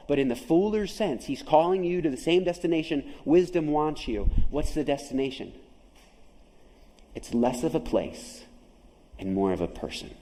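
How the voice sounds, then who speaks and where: A man's voice: fairly low pitch, warm tone, long reverb tail, poor audio. A man preaching a sermon as pastor, emphatic, often asking his listeners questions. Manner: emphatic, asks the audience questions. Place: chapel.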